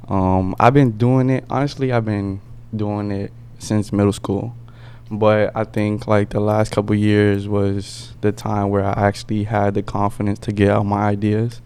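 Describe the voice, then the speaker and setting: A man's voice: fairly low pitch, a little mellow, clean tone. A young man talking as a podcast guest in laid-back slang, with many casual tags. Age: young adult. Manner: laid-back slang, you know what I'm saying. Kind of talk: casual interview answers. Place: media studio.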